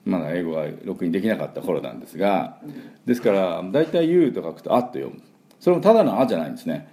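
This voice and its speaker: A man teaching English pronunciation in a spoken lesson, demonstrating sounds and drilling words slowly for the listener to repeat. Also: sits low, sing-song, mellow.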